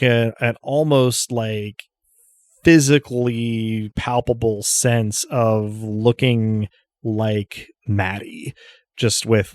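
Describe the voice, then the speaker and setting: Slow, halting man running a tabletop game. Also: mid-range voice, dry recording. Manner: halting, thinking aloud with long hesitations. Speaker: game master. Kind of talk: improvised tabletop game narration, casual.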